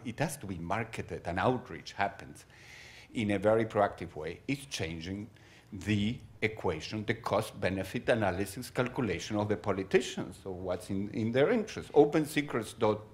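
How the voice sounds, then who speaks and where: A man moderating a conference panel, speaking haltingly into a handheld mic while he searches for words. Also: fairly low pitch.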